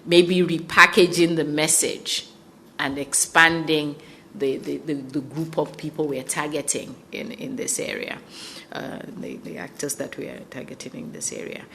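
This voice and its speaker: A woman's voice: low voice, level tone, moderate pace, pushed and bright, slight background noise. A woman from West Africa speaking as a conference panelist, earnest and emphatic, often restarting her sentences. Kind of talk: panel discussion remarks. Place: conference hall.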